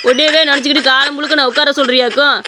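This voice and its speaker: A man's voice: extremely high pitch, flat delivery, racing, over loud music. A man voicing a dramatic, hot-headed, lovesick young man in a cartoon story. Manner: wailing, dramatic. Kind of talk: cartoon voice acting. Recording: audible background hiss.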